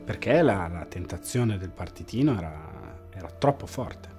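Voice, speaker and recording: A deadpan ex-party member. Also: male voice, deep voice, moderate pace. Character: disillusioned ex-party member, man, grim. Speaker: interviewee. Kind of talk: mockumentary interview. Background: background music.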